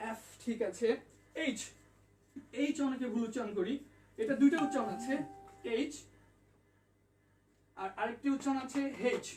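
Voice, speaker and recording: An English tutor with a very high-pitched, mellow voice teaches an online language lesson, patiently repeating and spelling out every letter sound. The room is echoey and the mic sits at a distance.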